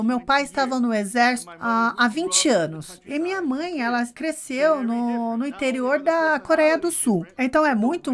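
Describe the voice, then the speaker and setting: A woman interpreting a sermon, speaking steadily and often restarting and correcting her phrasing. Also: high-pitched.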